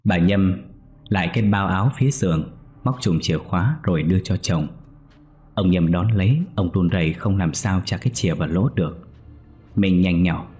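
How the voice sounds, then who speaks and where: A man narrates a ghost story in a steady, somber storytelling voice. His tone is deep and mellow, with faint music underneath. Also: moderate pace.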